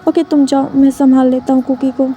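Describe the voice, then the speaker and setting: A calm father soothes and reassures in a gentle way, voiced by a woman narrator. The voice is high with a dark, mellow tone. It is a storybook read-aloud. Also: fairly quick, slight background noise, lightly acted.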